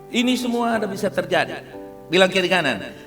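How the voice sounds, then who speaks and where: A high, animated man's voice with a Kupang Malay accent, preaching with humor and constant asides to the congregation. His pitch swings widely, and the church hall adds a long reverb. Soft music plays faintly behind him. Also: fairly quick. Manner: lively, humorous, addresses listeners as "saudara kasih" often. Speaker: pastor. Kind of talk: sermon.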